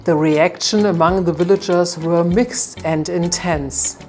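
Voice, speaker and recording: A woman narrating a folktale in a calm, measured storytelling manner. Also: lowish voice, faint music behind.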